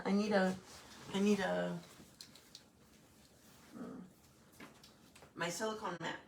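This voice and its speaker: Lady doing a live card-making demo, super gravelly fry, chats with viewers and fixes her own words as she goes. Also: mid-range voice, slight background noise. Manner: chatty, self-correcting, answers viewer comments. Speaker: craft demonstrator hosting a live stream. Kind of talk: casual live craft demo.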